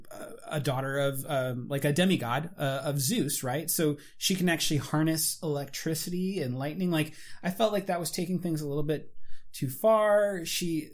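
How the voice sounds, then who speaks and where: Man, slightly high voice, casual film chat, hesitant restarts, animated. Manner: animated, lots of fillers and restarts. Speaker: movie reviewer. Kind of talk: casual movie discussion.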